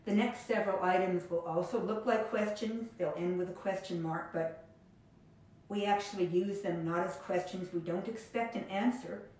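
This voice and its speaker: A woman teaching an English grammar lesson, speaking slowly and clearly and reading out example sentences. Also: lowish voice, steady tone, darkish tone. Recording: very echoey room.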